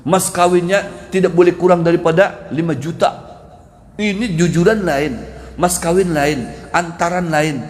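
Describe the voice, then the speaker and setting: A man's voice: on the high side, fairly even intonation, unhurried, darkish tone. A man preaching at a dawn mosque gathering, who acts out prayers and laughs often as he speaks. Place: mosque hall. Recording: long hall reverb.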